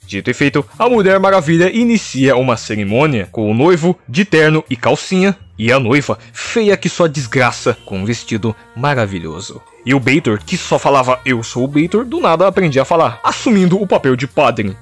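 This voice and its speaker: Um jovem adulto brasileiro narrando em tom casual e cômico, cheio de gírias e deboche, com sotaque brasileiro. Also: male voice, mid-range voice, fairly quick, few pauses. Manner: slangy, mocking, expressive. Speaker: comic book recap narrator. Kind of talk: comedic casual recap narration.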